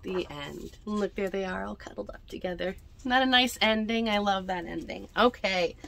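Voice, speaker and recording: Reading aloud at a library storytime among the bookshelves, a woman in her twenties brings a picture book to life for children, speaking to them directly and adding chatty asides. Her medium-pitched voice is creaky, at a normal speed. There's a slight hiss or hum.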